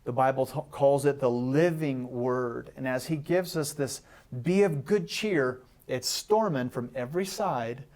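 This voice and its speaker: A pastor, a man, delivers a devotional on a talk show in a mid-range voice. He tells the story in an animated way and acts out the lines with humor. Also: medium pitch, normal speed, hardly any pauses. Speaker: pastor, studio guest.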